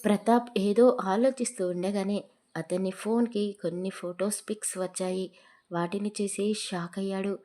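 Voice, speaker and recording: A woman's voice: mid-range voice, fairly even intonation, moderate pace, mellow. A woman reading a romance audio story aloud, voicing every character's lines in her own voice.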